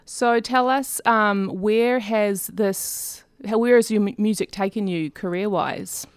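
A woman's voice: mid-range voice, takes it slowly, clear, resonant tone, no room sound. A woman hosting a casual studio interview, putting questions to her guest in a conversational way. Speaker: radio show host, interviewer.

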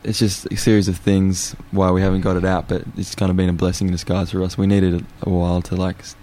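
A man, a musician guest in a radio studio, relaxed and often laughing. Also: low-pitched, quick pace, a little hiss or hum. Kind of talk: casual radio chat.

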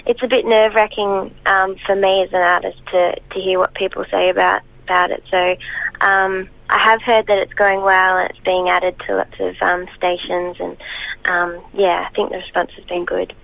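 A woman speaks over the phone as a guest singer, pausing often with ums and starting sentences over. The phone line sounds dull and muffled. It is also dry, with no room around her voice. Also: mid-range voice, level tone, creaky, dry recording. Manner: hesitant, many ums and restarts. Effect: heard over the phone. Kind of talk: casual phone interview.

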